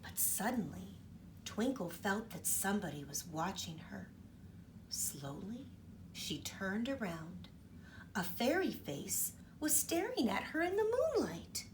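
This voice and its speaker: A woman teacher reads a storybook aloud to kids, expressive and stopping often to ask them questions. Her medium-pitched voice is slow and recorded from a distance against a noisy background.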